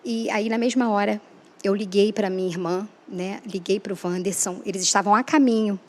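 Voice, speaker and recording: A woman's voice: medium pitch, steady tone, normal speed. A woman guest giving an emotional personal testimony, earnest and acting out the dialogue she recalls. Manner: earnest, re-enacts dialogue, frequent "né?".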